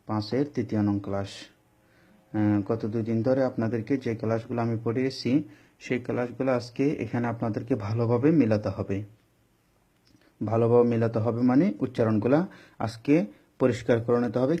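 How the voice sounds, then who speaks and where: A man with a Bangladeshi Bengali accent teaching Quran letter pronunciation, repeating syllables slowly and deliberately. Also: medium pitch, fairly even intonation, dark tone. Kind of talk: slow instructional drilling of letter sounds.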